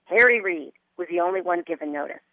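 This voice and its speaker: A woman's voice: on the low side, expressive, fast talker, a crowd in the background. A woman guest on a political talk radio show, speaking earnestly and growing indignant. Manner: earnest, rising to indignant emphasis. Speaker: guest commentator. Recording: muffled phone-line audio.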